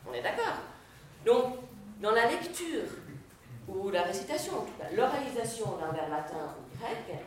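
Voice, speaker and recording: A woman's voice: medium pitch, very animated, normal speed. A woman lecturing on a language, explaining patiently with frequent hesitations and filler sounds. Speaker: Latin teacher. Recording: echoey room, voice from a distance.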